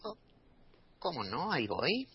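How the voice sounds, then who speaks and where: A woman co-hosts a radio show in a low, husky voice, her pitch rising and falling in a lively way. She talks slowly and haltingly, pausing to find her words. The feed sounds dull and lo-fi. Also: a crowd in the background. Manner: hesitant, halting, with many fillers and restarts. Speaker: radio co-host. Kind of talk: casual radio talk.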